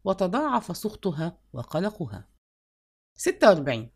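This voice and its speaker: Woman reading an audiobook, lowish voice, swings up and down a lot. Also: sing-song, moderate pace, husky. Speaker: narrator. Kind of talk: audiobook narration.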